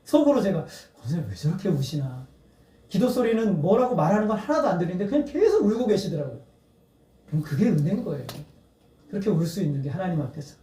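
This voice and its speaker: High-voiced man preaching in an echoey hall. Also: big pitch swings, fast talker, warm tone. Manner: earnest, rising to emphatic appeals with laughter. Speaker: pastor. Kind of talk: sermon. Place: church sanctuary. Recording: echoey church hall, mic at a distance.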